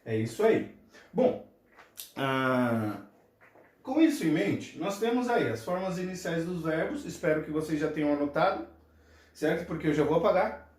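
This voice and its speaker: Male teacher, high and lively voice, slow drill-style delivery, echoey classroom. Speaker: English teacher. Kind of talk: classroom lesson. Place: classroom with a board. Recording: echoey room.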